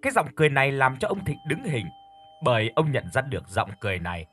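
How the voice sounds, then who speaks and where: A man narrating a horror audiobook in a calm, measured storytelling voice. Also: medium pitch, faint music behind.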